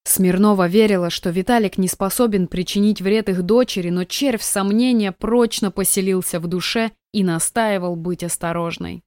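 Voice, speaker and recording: A woman narrating an audiobook in a steady storytelling manner, recorded close to the mic. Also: mid-range voice, moderate pace, few pauses, dry recording.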